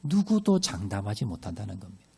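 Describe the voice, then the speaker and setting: Animated male pastor preaching a sermon. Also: fairly low pitch, fast, gravelly, breathy edge. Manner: rhetorical questions to the congregation; leads group scripture reading.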